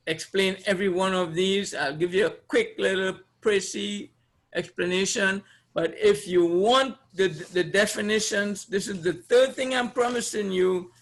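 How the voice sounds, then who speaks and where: A man from Trinidad, high-voiced and a bit bright, presents an informal seminar to a live audience. His delivery is conversational, full of repeated phrases and questions for listeners, and carries a Trinidadian Caribbean accent.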